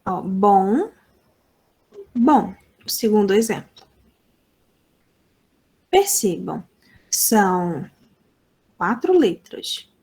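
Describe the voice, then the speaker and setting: A woman's voice: mid-range voice, big pitch swings, a little mellow. A woman with a Brazilian Portuguese accent teaching a lesson, explaining step by step and checking often that students follow. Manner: slow, deliberate explaining with frequent checks for understanding. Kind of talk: online lesson explaining sign language phonology.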